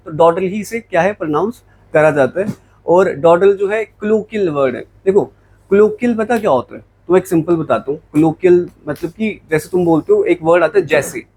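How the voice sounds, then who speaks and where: High-voiced man teaching English vocabulary. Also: a little mellow, slightly rough, rough recording. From Jammu, India. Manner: explains in Hindi mixed with English, asks and answers his own questions. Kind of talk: classroom lecture.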